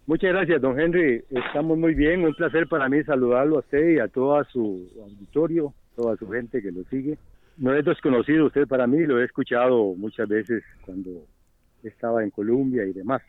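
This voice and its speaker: A man's voice: medium pitch, moderate pace, no room sound. A man with a Costa Rican Spanish accent, an organic farmer speaking as an interview guest, earnest and reflective. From Costa Rica. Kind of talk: phone interview. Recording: dry tinny phone line.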